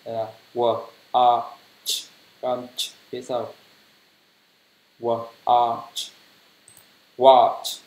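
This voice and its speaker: A man teaching English pronunciation, spelling words letter by letter and repeating them louder. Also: medium pitch, completely flat delivery, slow pace, long pauses. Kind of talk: pronunciation lesson. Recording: roomy, dull lo-fi sound.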